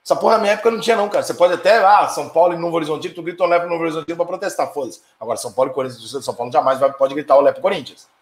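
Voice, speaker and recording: Fiery, profane Brazilian man ranting. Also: fairly high pitch. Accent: Brazilian Portuguese. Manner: profane, fiery, quick to anger and rant. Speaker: live stream host reading viewer comments. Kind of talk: casual heated live chat. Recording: echoey room.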